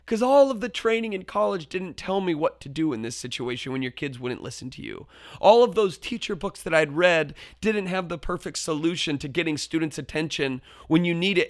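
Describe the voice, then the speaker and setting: This teacher and podcast host has a fairly high-pitched voice, recorded cleanly in a studio with no echo. He recounts a classroom story in an earnest, reflective manner and frequently starts his phrases over. His stories build toward loud, forceful shouts when he quotes people.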